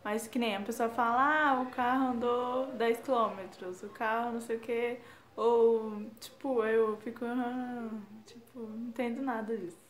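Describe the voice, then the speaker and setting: A woman's voice: a little high, steady tone, normal speed, reverberant. A young woman from Brazil talking casually in a self-deprecating, chatty way as a vlogger at home. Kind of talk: casual chat.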